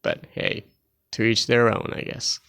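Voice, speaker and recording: A man's voice: lowish voice, huge pitch swings, a little slow, vocal fry, a bit bright. A man co-hosting a podcast, chatting casually in a dry, blunt, teasing way. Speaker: podcast co-host. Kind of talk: casual chat.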